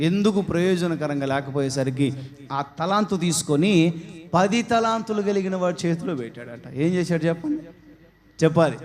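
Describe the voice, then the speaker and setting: Male pastor, fairly high voice, sermon delivery, rhetorical questions, loud calls for response traded with quiet low asides. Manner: rhetorical questions, calls the congregation to answer aloud; swings between loud exhortation and soft low asides.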